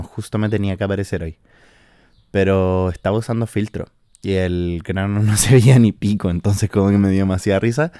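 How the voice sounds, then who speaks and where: A twenty-something podcast host with a Chilean Spanish accent chats away from his house in the countryside, swearing, using slang, and dropping fillers throughout a casual monologue. The sound is a dry, clean studio recording of a low, dark, clean-toned voice.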